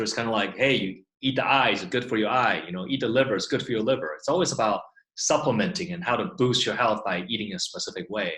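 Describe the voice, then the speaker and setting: A man's voice: lowish voice, sharp tone. Middle-aged guy from taiwan, chiropractor chatting casually, lots of "you know", echoey room. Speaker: guest chiropractor. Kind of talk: online Q&A interview.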